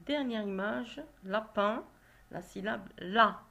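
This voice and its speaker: A woman teacher going slowly through reading exercises with young pupils, carefully sounding out syllables and letters. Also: medium pitch, creaky, fairly bright tone, muffled recording. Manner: slow, careful, spells out syllables. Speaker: primary school teacher. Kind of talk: reading lesson, exercise correction.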